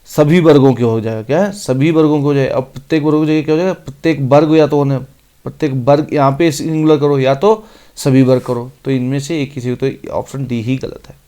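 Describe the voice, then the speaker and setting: A man teaching an exam-prep grammar lesson, reading each sentence out slowly and then explaining it briskly. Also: mid-range voice, steady tone, warm tone. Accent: Hindi.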